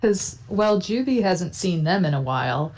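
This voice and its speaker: A woman's voice: fairly low pitch, very animated, unhurried, a little mellow, slight background noise, low-quality recording. A woman running a tabletop game, narrating in a playful, teasing way. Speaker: game master.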